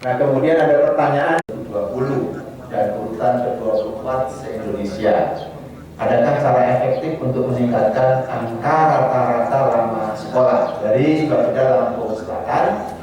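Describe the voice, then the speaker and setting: A man's voice: mid-range voice, a crowd in the background. Man moderating from far off in an echoey room. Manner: halting, many fillers, reads out chat questions. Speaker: forum moderator. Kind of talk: moderating a public consultation forum. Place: meeting room, heard from a distance. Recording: distant echoey room mic with faint noise.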